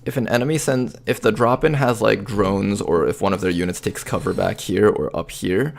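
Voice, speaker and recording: A man's voice: fairly low pitch, normal speed, vocal fry. A man giving casual gameplay commentary as a gaming YouTuber.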